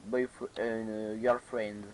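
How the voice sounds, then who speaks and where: A man's voice: lowish voice, little pitch movement, takes it slowly, darkish tone, slight background noise, rough recording. A man giving casual let's play commentary on a modded game, hesitant, with many fillers and restarts. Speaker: gamer playing a modded block-building game.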